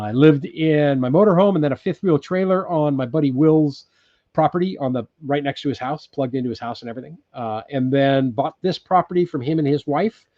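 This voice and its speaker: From his off-grid cabin, a Californian man in his sixties hosts a casual livestream, reading viewer comments and chatting loosely with lots of ums and restarts. His voice sits on the high side, and the recording is dry with the highs cut off.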